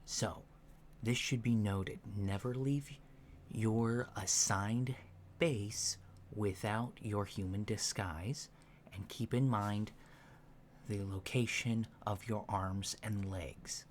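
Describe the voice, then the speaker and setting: A man with a fairly low, soft, hushed voice plays a slow-talking alien instructor in human disguise, earnest and matter-of-fact, in an ASMR roleplay lecture. His manner is calm, deliberate, deadpan and instructional, and the lo-fi recording has steady background noise.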